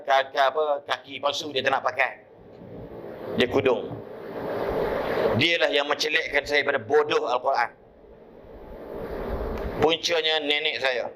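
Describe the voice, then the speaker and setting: A male preacher with a Malaysian Malay accent delivering a mosque sermon through lively storytelling and acted-out voices. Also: on the high side, a little slow, long pauses, background noise.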